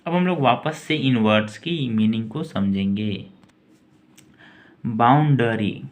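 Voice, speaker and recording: A man teaching English pronunciation, spelling each word letter by letter and repeating it slowly. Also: mid-range voice. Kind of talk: slow pronunciation lesson.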